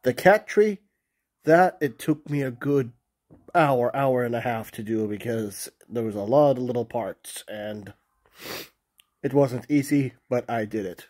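This vlogger speaks at medium pitch, a little slowly and mellowly, sounding stuffed up and sniffly with a cold. Holding his phone camera, he wanders through his cramped, messy bedroom, rambling with fillers and restarts, and ends politely.

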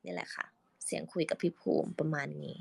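A woman's voice: fast talker, darkish tone, dry recording, studio quality. A young woman with a sore throat hosting a casual live audio chat on her phone, chatty and playfully switching voices.

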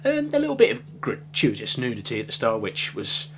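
A man's voice: mid-range voice, wildly swooping pitch, brisk, a little hiss or hum. A young man reviewing a film to camera in a small room, talking casually with lots of fillers and hedges. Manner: rambling, hedging with fillers, gesturing. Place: small room with shelves of films, indoors. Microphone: webcam at desk.

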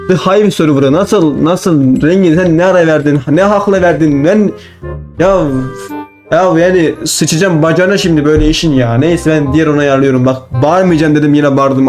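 A young man commenting on his own gameplay, excitable, talking to himself and bursting into shouts. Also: a little high. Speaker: gaming channel host.

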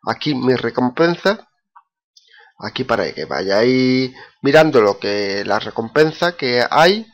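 A man's voice: mid-range voice, sing-song, takes it slowly, dull audio. Man walking through a website. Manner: repetitive, many "eh" fillers, stresses "muy importante". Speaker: blogger explaining paid survey sign-up. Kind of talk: screen-recorded tutorial walkthrough.

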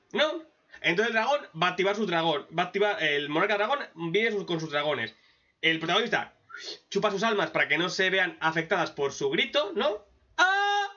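A man's voice: sits high, bright, forceful tone, far from the mic, highs cut off. A man with a Spain Spanish accent hosting a reaction video, ranting sarcastically with lots of swearing. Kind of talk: casual profane commentary.

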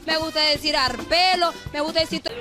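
A woman's voice: high voice, brisk, sharp tone, soft background music. A woman from western Venezuela with a Maracucho Caribbean Spanish accent, chatting casually. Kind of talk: casual chat.

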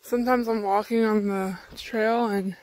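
A woman's voice: mid-range voice, fairly even intonation, unhurried, darkish tone, no room sound, rough recording. A young woman filming herself while hiking through the forest, chatting casually and a little tired, with a phone held at arm's length outdoors. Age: young adult. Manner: chatty, rambling, laughs often, talks while walking. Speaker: thru-hiker vlogger. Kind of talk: casual trail vlog. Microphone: phone camera held at arm's length.

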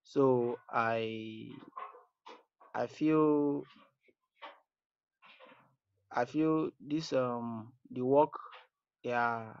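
A man with a Nigerian accent leaves an informal voicemail, hesitant and often repeating his phrases. His mid-range voice is very slow, with long pauses and a clean tone, and there is no room sound. The voice message itself is dull and lo-fi.

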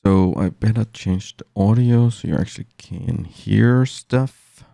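A man's voice: fairly low pitch, a little slow, gravelly, warm tone, no echo. A man rambling chattily to his viewers during a casual live game stream, speaking into a studio mic through a mixer. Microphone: studio mic through an audio mixer.

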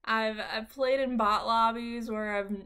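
Playful higher-voiced woman streamer. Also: fairly even intonation, measured pace, bright, forceful tone, clean tone. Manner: playful, teasing, laughs often. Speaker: streamer playing a shooter game. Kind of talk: casual gameplay chat with friends.

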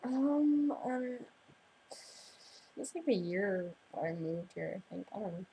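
A woman's voice: medium pitch, lively intonation, slow, warm tone, muffled recording, slight background noise. A teenage girl hosting a casual vlog, bubbly and giggly, rambling between topics. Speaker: vlog host. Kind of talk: casual chat.

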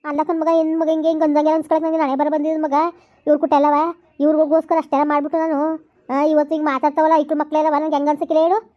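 A woman's voice: high-pitched, little pitch movement, quick pace, muffled recording, lightly acted. A woman with a rural Karnataka Kannada accent, playing an aggrieved, quarrelsome village mother who complains and laments in rhetorical questions.

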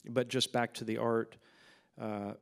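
A gravelly, mid-range male voice, a little slow, belongs to a filmmaker in his forties appearing as a guest at a festival Q&A. Standing on a festival stage before a backdrop, he tells rambling anecdotes into a handheld mic. His storytelling is relaxed, full of fillers and laughs.

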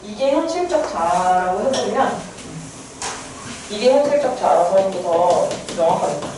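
A woman's voice: medium pitch, animated, noisy background. Chatty woman teacher in an echoey room. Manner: chatty and playful, asks students quick questions. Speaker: Korean literature teacher. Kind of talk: lecture explaining a poem. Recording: echoey room heard from a distance.

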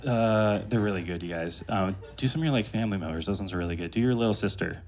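A man in his thirties doing casual stand-up into a stage mic, with a hesitant, awkward deadpan delivery. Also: lowish voice, fast talker. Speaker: stand-up comedian and ventriloquist. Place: small comedy club stage. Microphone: handheld and stand stage microphone. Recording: noisy live comedy club.

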